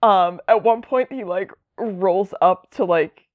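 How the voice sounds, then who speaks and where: A woman rambling excitedly in casual chat as a podcast host. Her voice sits mid-range, and it sounds dry and dull, like a lo-fi recording. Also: mid-range voice, slow pace, no echo. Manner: rambling, enthusiastic, lots of fillers.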